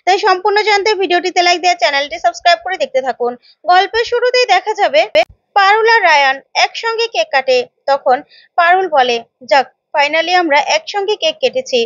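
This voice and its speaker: A woman retelling a serial episode in a lively dramatic recap, reading every character's lines herself. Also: very high voice, fast, no echo. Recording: dull lo-fi dry recording.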